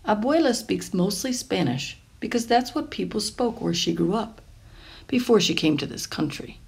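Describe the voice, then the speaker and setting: A woman reads a children's picture book aloud, expressive and deliberate, lingering over phrases as she tells the story. Her voice is medium in pitch with a gravelly texture.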